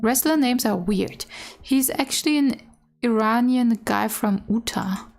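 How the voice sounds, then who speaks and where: A woman's voice: on the high side, a little slow, creaky. A woman gaming streamer reading game dialogue aloud with casual, candid asides, sometimes stumbling over the words. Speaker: gaming streamer doing a let's play.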